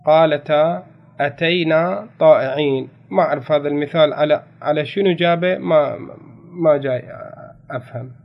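Man, Iraqi Arabic accent, grammar teacher, slightly high voice, reads then explains, lo-fi recording. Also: moderate pace, vocal fry. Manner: reads a set text aloud, then explains it in conversational dialect. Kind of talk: recorded classroom lesson. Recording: dull lo-fi recording.

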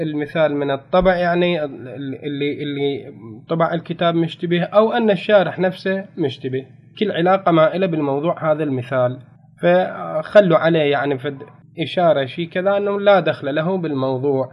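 A man with an Iraqi Arabic accent teaching a grammar class, who reads a set text aloud and then explains it in conversational dialect. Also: fairly high pitch. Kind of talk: recorded classroom lesson. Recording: dull lo-fi recording.

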